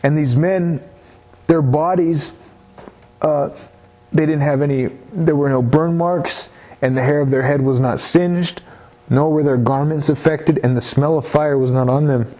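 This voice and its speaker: Unhurried and warm, a man's slightly high, steady voice carries a sermon in which he reads scripture and explains it. He repeats himself earnestly while directly urging his listeners on. The lo-fi recording is slightly dull.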